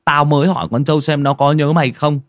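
A man voicing a boisterous village man in his thirties, shouting and jolly, in a spoken ghost story. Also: on the high side, fairly even intonation, fast talker, dry recording, studio quality, voice pushed up, natural voice.

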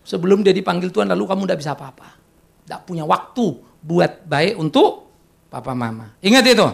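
A middle-aged man, preaching a lively, joking sermon to young people as a pastor. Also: sits high, brisk, gravelly. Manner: lively, joking, acts out quoted voices in Jakarta slang. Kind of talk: sermon to youth.

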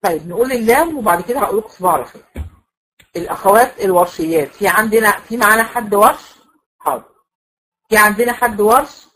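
A woman's voice: medium pitch, fairly bright tone, low-quality recording. Woman, Egyptian accent, recitation teacher, classroom lecture, questioning, demonstrative. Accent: Egyptian Arabic. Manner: explanatory, asks the class questions and demonstrates sounds.

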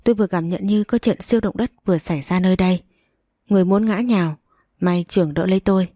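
A woman reading a first-person love story aloud in a slow, measured way. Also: lowish voice, warm tone, dry recording, clean studio sound. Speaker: narrator.

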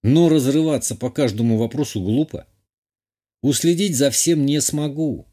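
A man reading a first-person fantasy audiobook in a measured, even way. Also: medium pitch, breathy edge. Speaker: audiobook narrator. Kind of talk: scripted first-person narration.

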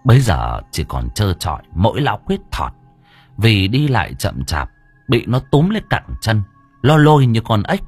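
A man narrating an audiobook story in a lively, expressive way. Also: fairly low pitch, normal speed, breathy edge, soft background music.

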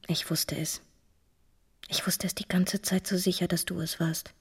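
A woman's voice: mid-range voice, normal speed, a little mellow, husky. A bold, whispering young queen. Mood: intimate. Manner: intimate, often whispering, teasing. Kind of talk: radio drama acting.

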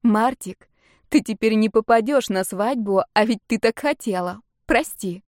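A soft-spoken young woman in a spoken story, gentle and a little hesitant, as a woman narrator puts her on. The voice stays close to the narration. It is recorded dry and close. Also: fairly high pitch, a little slow, dry recording, natural voice. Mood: wistful.

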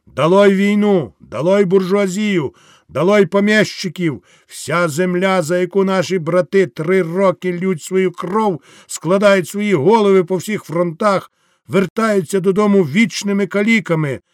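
Wounded soldier agitator, voiced by a man, fiery, declaiming, raised high voice, dry close sound. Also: a little slow, dry recording. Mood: fiery, rousing. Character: wounded male soldier rousing a crowd.

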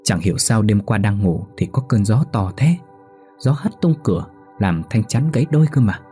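A man voicing a nervous young village man who talks in hesitant, excited bursts. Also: fairly low pitch, normal speed, soft background music, natural voice. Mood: startled.

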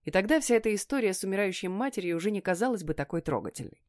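Woman, first-person audiobook narration, expressive emotional reading, dry close mic, middle pitch. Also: very fast, dry recording.

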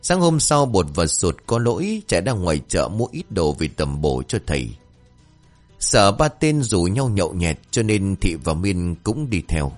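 A man narrating a comic folk tale in an animated, expressive way. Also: low voice, measured pace, faint music behind. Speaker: storyteller.

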